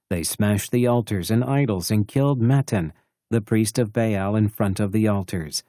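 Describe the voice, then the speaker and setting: A man with a low, mellow voice reads scripture at an unhurried, even pace. Every word is pronounced with care. The recording is close and completely dry. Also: no room sound. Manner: measured, even, carefully pronounced. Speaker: Bible reader. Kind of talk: slow scripted scripture reading.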